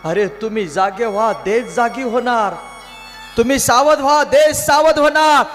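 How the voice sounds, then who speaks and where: A man's voice: very high-pitched, measured pace, a bit bright, soft background music. A man preaching in Marathi voices a grieving but proud mother of a condemned young man, speaking pleadingly and then in fervent declamation, over live instrumental accompaniment.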